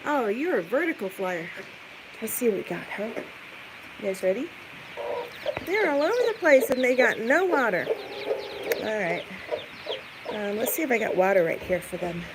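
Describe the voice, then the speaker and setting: A woman's voice: fairly high pitch, big pitch swings, normal speed, pauses often. A woman hosting a casual livestream, rambling and thinking aloud to viewers and animals as she does farm chores. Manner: coos and chats to animals in questions. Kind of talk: casual chatty livestream walk-about, talking to viewers and animals. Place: farmyard, barn and chicken coop. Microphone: handheld phone or camera. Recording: noisy handheld farm recording with poultry sounds. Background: clucking chickens, rooster, farm ambience.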